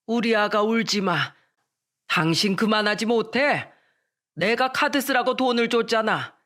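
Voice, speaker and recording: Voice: mid-range voice, unhurried, pushed and bright, voice pushed up. A storyteller voicing an indulgent older father-in-law who dotes on his daughter-in-law. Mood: doting.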